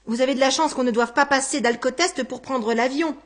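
A woman's voice: high voice, brisk. A woman voicing a curt, authoritative male policeman in a read-aloud novel.

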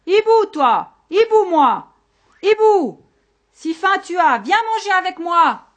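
A woman's voice: very high-pitched, big pitch swings, slow, voice pushed up, full character voice. Woman doing a stammering, terrified shepherd. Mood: calling out. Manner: stammering, trembling.

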